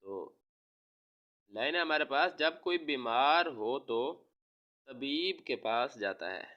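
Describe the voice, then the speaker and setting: A man from Pakistan, a teacher giving a recorded lesson to young children, slowly spelling out words and repeating them. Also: mid-range voice, lively intonation, highs cut off. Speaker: online school teacher.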